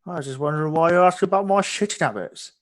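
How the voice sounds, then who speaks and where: Casting: man acting out a blunt, irritable innkeeper for a tabletop game, jaw thrust forward, pitched up. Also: fast talker, close to an everyday voice. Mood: irritated. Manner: jutting-jaw delivery, blunt. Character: gruff, irritable, foul-mouthed male tavern keeper. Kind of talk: tabletop game role-play.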